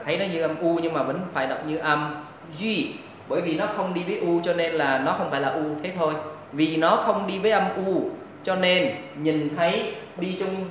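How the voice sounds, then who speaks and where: Male teacher with a Vietnamese accent, patient and drawn out, drilling pronunciation in a boomy room. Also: a bit bright. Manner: patient, drawn-out model readings of syllables. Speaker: Chinese language teacher. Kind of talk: pronunciation lesson. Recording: very echoey room, faint noise.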